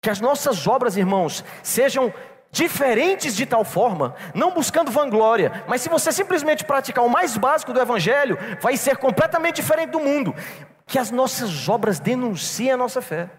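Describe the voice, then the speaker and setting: A man with a non-local Brazilian accent preaches to a church congregation, calling them brothers as he tells a personal story. His very high voice is animated and moves at normal speed. The church hall gives the recording a long reverb.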